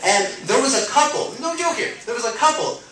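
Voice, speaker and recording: Excitable teen boy doing stand-up. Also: very high-pitched, a little fast. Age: teens. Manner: rambling, filler-heavy, excitable. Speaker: student comedian. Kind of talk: stand-up comedy. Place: school stage before a live audience. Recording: roomy and distant with loud crowd noise.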